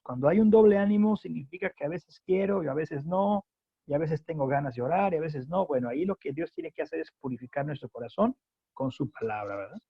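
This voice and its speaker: Mexican pastor guy preaching hard, husky voice, kinda high, dry dull lo-fi sound. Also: animated, a little fast, no echo. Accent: Mexican Spanish. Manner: impassioned preaching, rising to near-shouts when quoting scripture. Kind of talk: sermon at a home group.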